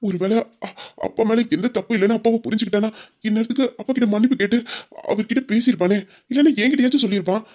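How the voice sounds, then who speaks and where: A woman's voice: fairly high pitch, racing, warm tone. A woman speaking an anxious, questioning inner monologue in an amateur audio drama. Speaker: storyteller voicing the characters.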